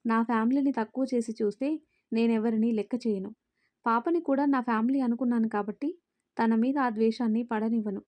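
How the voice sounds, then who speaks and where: An earnest, outspoken young woman who pleads and stands firm, from a spoken storybook, read by a woman. The voice is fairly high and mellow, with a dry, close sound. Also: fairly even intonation, brisk, no echo, lightly acted. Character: young woman, a firm and caring caretaker of a little girl.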